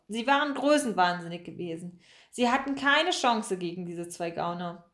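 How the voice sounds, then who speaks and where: A woman narrating a children's storybook aloud with lively, expressive reading. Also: on the high side. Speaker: audiobook reader. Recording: echoey room.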